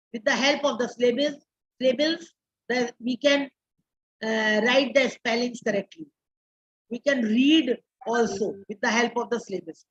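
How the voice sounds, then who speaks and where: An Indian English-accented woman lectures in a classroom, drawing out each term and repeating it for her trainees. Her voice sits high and her pace is unhurried. The recording is muffled and lo-fi. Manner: slow, repeats terms, switches to Hindi. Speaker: teacher educator.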